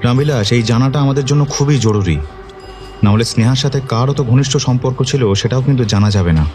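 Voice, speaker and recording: A man plays an authoritative police detective who questions people in a firm, measured way. His voice sits at an ordinary middle pitch. Soft background music plays under the scene in this audio drama. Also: close to an everyday voice. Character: commanding male police detective.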